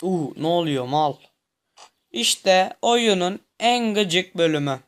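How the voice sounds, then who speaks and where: A man's voice: sits high, animated, slow, clear, resonant tone. A young man commenting on a game he is playing, muttering to himself, tense and easily frustrated. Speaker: gameplay commentator. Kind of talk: gameplay commentary.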